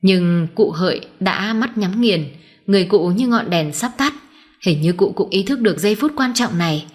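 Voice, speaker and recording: A woman's voice: mid-range voice, lively intonation, normal speed. Woman narrating a tense story. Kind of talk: dramatic audio story reading.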